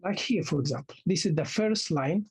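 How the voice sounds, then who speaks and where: A man, a native Arabic speaker, lecturing postgraduate students in a halting way, often restarting and repeating words as he explains. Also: fairly high pitch, lively intonation, darkish tone, slightly rough. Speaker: university lecturer. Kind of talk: academic lecture.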